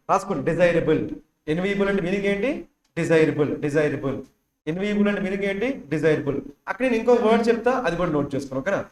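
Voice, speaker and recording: A man's voice: sits high, echoey room. A male teacher giving a classroom vocabulary lesson, drilling words and asking students again and again to repeat and write them down.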